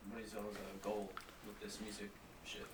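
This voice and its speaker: Quiet off-mic interviewer in a noisy room. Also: male voice, on the low side, monotone, moderate pace. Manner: hesitant, quiet questions. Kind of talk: casual interview questions. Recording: distant, roomy, noisy with clicks.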